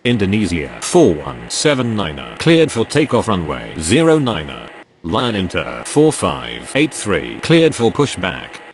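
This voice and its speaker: In a game, a man plays an air traffic radio operator who is formal and terse, using clipped, scripted phraseology in a businesslike mood. His delivery is heavily acted, with huge swings in pitch at a measured pace. The game audio is very noisy, with vehicle rumble underneath.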